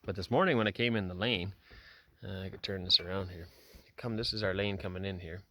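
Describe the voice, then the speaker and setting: A man's voice: deep voice, fairly even intonation, a little fast, sharp tone, no echo. A man chatting casually to the camera as he walks around his homestead, rambling with lots of "uh" fillers. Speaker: homesteader vlogger. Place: outdoors on a farm, then indoors in a house. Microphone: handheld camera.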